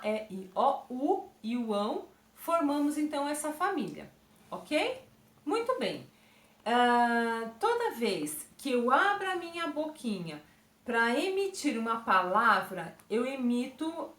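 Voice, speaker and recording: Brazilian teacher lady talking to little kids, high voice, roomy echo. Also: a bit bright. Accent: Brazilian Portuguese. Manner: speaks to children with diminutives and frequent check-ins. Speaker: primary school teacher. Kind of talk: recorded online lesson for young children.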